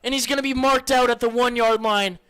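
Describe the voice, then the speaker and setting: Guy doing football play by play, high forceful voice, hyped touchdown call yelling. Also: brisk, clear, resonant tone. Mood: excited. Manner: excited touchdown call, shouting on big plays. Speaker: play-by-play announcer. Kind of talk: live football play-by-play commentary.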